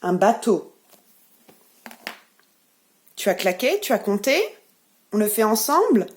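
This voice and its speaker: French woman, preschool teacher, remote lesson for small kids; fairly high voice with a lively, sing-song rise and fall. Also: slight background noise. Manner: slow, clearly articulated, encouraging. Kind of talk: remote lesson for young children.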